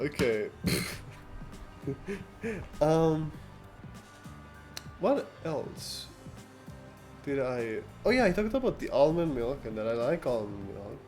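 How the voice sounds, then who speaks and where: A casual male livestreamer with a medium-pitched, darkish voice chats with viewers over background music, reading and answering their live comments. His delivery is halting and rambling, full of false starts and laughter.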